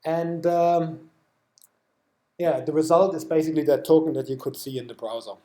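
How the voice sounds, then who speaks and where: German-accented male presenter, highish mellow voice, echoey meetup room, halting technical talk. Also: steady tone. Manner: explanatory, with frequent fillers and restarts. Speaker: software developer presenting at a meetup. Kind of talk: technical talk with live demo.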